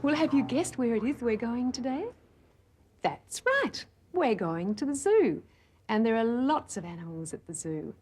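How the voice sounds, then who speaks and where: A woman's voice: fairly high pitch, lively intonation, normal speed, dark tone. A woman entertainer speaking to young children between songs, playful and full of teasing questions. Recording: echoey room with long reverb and music.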